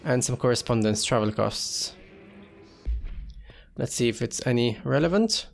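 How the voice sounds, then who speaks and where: A man's voice: medium pitch, animated, measured pace, vocal fry. A man giving casual gameplay commentary as a let's player, talking himself through the game and reading in-game text aloud.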